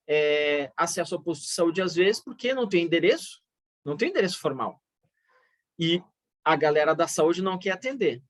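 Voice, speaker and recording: A man teaching an online course as a legal advisor, explaining earnestly with frequent restarts and fillers, his pitch climbing on emphatic points. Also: a bit bright.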